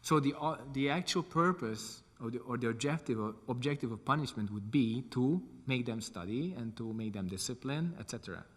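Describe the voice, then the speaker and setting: Hungarian-accented monk lecturing in a reverberant hall. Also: male voice, mid-range voice, expressive, brisk, hardly any pauses, a bit bright. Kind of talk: lecture with question and answer.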